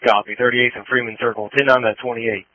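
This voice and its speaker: A man working as a police dispatcher, heard over a two-way radio, giving brisk, clipped calls and radio codes. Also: medium pitch, little pitch movement. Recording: dull lo-fi radio transmission.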